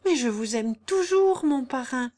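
A tender young peasant girl, earnest and pleading, her phrasing plain and rustic, as a woman reader puts her on. The voice sits high and carries with a lifted, heightened urgency. This is storybook acting in an audiobook. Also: lively intonation, measured pace, darkish tone. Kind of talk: audiobook character reading.

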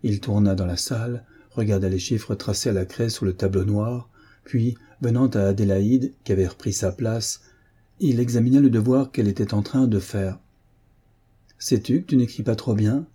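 A man reading a novel aloud as a narrator, in a measured, even storytelling delivery. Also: fairly low pitch, slightly rough. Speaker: audiobook reader. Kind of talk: scripted narration.

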